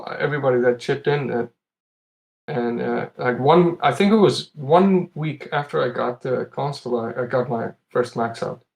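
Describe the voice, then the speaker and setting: An Icelandic man who plays retro games competitively chats as a podcast guest in a fairly high voice with vocal fry, and the recording is rough. He tells stories conversationally and chuckles often as he talks.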